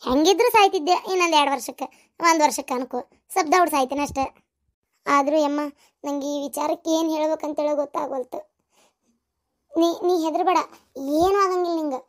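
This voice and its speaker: Woman doing shrill cartoon village women. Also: a little fast, pauses often, natural voice. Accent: North Karnataka Kannada. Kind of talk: cartoon voice acting.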